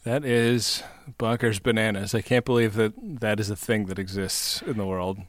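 A man's voice: on the low side, flat delivery, normal speed, no echo, clean studio sound. A man co-hosting a podcast, chatting casually and jokingly about a TV episode, laughing often. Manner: joking, laughs often, retells scenes with playful voices. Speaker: podcast co-host. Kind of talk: casual chat recapping a TV episode.

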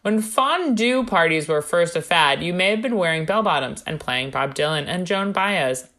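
Reading from notes on a casual podcast she co-hosts, a woman speaks in a lowish, expressive, slightly bright voice at a moderate pace. She adds wry, jokey remarks, playfully conspiratorial in tone.

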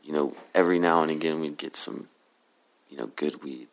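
A man from Oklahoma with a very deep, low magnetic voice, answering interview questions casually in a hesitant, laid-back, halting way. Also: fairly even intonation. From Oklahoma City, USA. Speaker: podcast guest, cannabis grower.

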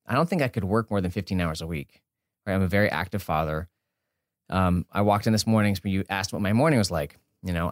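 Recorded in an indoor studio with clean sound and no echo, a deep-voiced man in his forties speaks as a podcast guest. A business author, he keeps the interview casual, self-deprecating and informal, wandering a little in his explanations.

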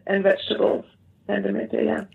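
A woman with a North African accent answering interview questions in a conversational, explanatory way, often pausing and repeating words as she thinks. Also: medium pitch, flat delivery, vocal fry. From Morocco. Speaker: interview guest, Moroccan food cook. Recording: thin, phone-like call audio.

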